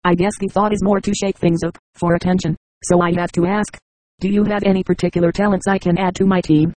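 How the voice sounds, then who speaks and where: A man's voice: high voice, flat delivery, a little fast, a little mellow, no echo, close to an everyday voice. A narrator voicing an earnest teenage boy plotting a rebellion in an audiobook.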